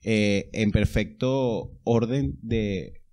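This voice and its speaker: A man's voice: on the low side, extremely slow, a little mellow. A man with a Venezuelan accent, co-hosting a casual podcast chat, joking and slangy. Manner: joking, slangy, does comic impressions. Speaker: podcast co-host.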